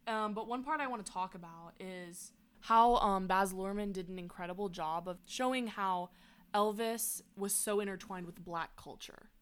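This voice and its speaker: A woman chatting casually about a movie, enthusiastic and quick to laugh. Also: medium pitch, fairly bright tone, clear, resonant tone. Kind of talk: casual chat about a film.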